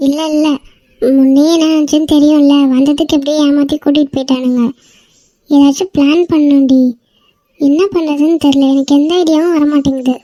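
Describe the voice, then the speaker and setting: A squeaky, very high young woman in a homemade cartoon, voiced by a woman. She pleads anxiously, words tumbling out in worry. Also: flat delivery, fairly quick, mellow, dry recording, clean studio sound, close to an everyday voice. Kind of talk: amateur cartoon voice acting.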